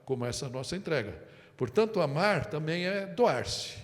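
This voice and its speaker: A man's voice: fairly high pitch, normal speed. A man preaching a sermon with a Brazilian Portuguese accent, telling stories with acted-out quotes and often turning to the congregation with "amém?". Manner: animated storytelling with acted quotes and asides. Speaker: pastor. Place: church hall. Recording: long hall reverb.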